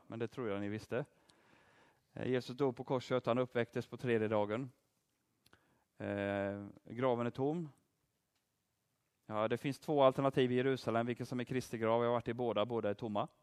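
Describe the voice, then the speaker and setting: A man giving an interactive Bible teaching, quizzing his listeners and praising their answers. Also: medium pitch. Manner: lively, asks the audience questions and praises answers. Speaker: preacher teaching a group.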